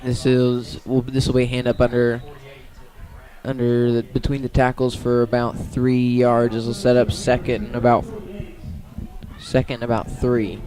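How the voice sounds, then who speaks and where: Calling a football game live on radio, an American male play-by-play commentator speaks at a medium pitch with almost no melodic movement, monotone and darkish in tone. He gets each play out in halting pieces and corrects himself along the way.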